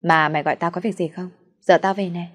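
A woman's voice: fairly low pitch, steady tone, lightly acted. A woman doing a flustered young friend. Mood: hurried. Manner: hurried, apologetic.

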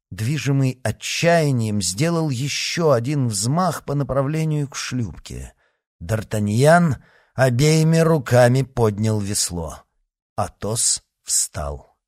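A man narrating an audiobook with an expressive, dramatic reading. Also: mid-range voice, slow pace, no room sound, clean studio sound. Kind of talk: scripted narration.

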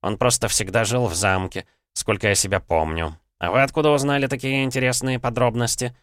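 A man voicing a polite, cautious castle butler who speaks in a formal, measured and slightly hesitant way. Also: medium pitch, steady tone, a bit bright, clean tone, no room sound, studio quality, voice pushed up, lightly acted. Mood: thoughtful.

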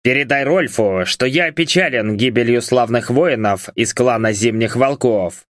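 A man voicing a hoarse, drunken, angry middle-aged baron in an audiobook, with slow, menacing speech. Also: medium pitch, a bit bright, dry recording, clean studio sound, lightly acted. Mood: cold commanding.

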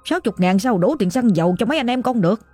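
A woman's voice: on the high side, animated, fast talker, mellow, slightly rough, faint music behind, voice pushed up. Woman doing a polite young corpse retriever. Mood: wheedling. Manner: deferential, wheedling.

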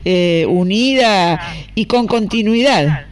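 A man's voice: high-pitched, lively intonation, takes it slowly. A man hosting a radio interview, asking prompting follow-up questions. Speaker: radio host.

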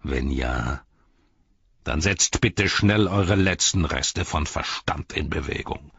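A man reading an audiobook and voicing a sneering, mocking male herald of a dark lord, with a taunting, gloating manner. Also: very deep voice, animated, slow pace, creaky, breathy edge, no echo, muffled recording, heavily acted. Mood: menacing.

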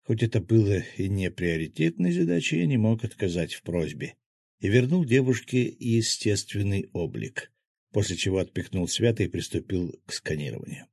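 A man's voice: lowish voice, sing-song, moderate pace, creaky, darkish tone, slightly rough, no room sound. A man narrating a fantasy audiobook in the first person, with a terse, dry inner monologue.

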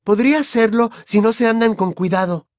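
A man voicing a clever, bossy teenage witch girl with a brisk, prim manner. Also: sits high, dry recording, studio quality, pitched above the performer's own voice. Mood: cross.

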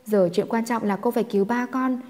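A woman's voice: a little high, fairly even intonation, brisk, darkish tone, long reverb tail, lightly acted. A woman voicing a desperate young woman who begs tearfully for help for her father. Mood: pleading. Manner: pleading, tearful.

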